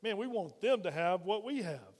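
A man's voice: high voice, sing-song, normal speed, long reverb tail. A man preaching a sermon, energetically calling out questions to his congregation. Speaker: pastor.

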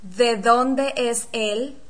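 A woman teaching a pronunciation lesson, saying model sentences slowly and carefully so they can be repeated. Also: on the high side. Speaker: language teacher. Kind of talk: slow, clearly articulated pronunciation drill.

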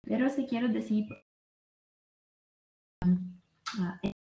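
A woman's voice: medium pitch, warm tone, poor audio. A woman explaining German grammar in a casual lesson, hesitant and full of fillers. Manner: slow, hesitant, many fillers. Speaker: German teacher.

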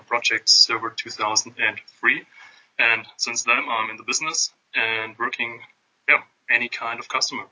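A man from Germany with a German accent, a guest consultant explaining things in a measured podcast interview. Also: mid-range voice, bright, forceful tone, muffled recording.

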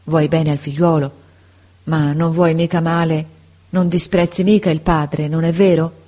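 Woman reading as a sad, gentle guilt-laden father. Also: deep voice, flat delivery, unhurried. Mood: sad, tender. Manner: sad, tender, hushed.

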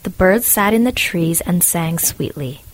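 Husky woman reading a storybook. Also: on the low side, expressive, measured pace, no room sound. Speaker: narrator.

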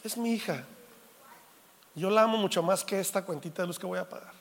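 A man, preaching a sermon as pastor in a jokey, animated way, acting out little quotes. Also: sits high, fairly quick, gravelly. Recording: reverberant hall.

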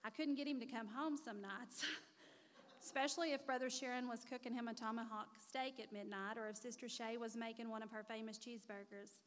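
A woman's voice: a little high, steady tone, quick pace, hardly any pauses. A woman gives an earnest, heartfelt tribute speech as the mother of the honoree, reading from notes at a church gathering. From Missouri. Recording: reverberant hall.

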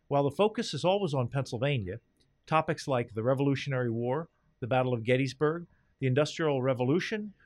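A man hosting a podcast, reading a scripted introduction in a smooth, announcer-like manner. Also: fairly high pitch. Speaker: podcast host, interviewer.

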